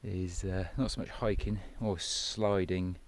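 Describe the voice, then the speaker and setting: A man's voice: deep voice, steady tone, measured pace. A man out of breath, chatting casually as he films himself hiking down a steep mountain trail outdoors. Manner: chatty, breathless, loose and informal. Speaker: hiking vlogger. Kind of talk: casual hiking vlog commentary.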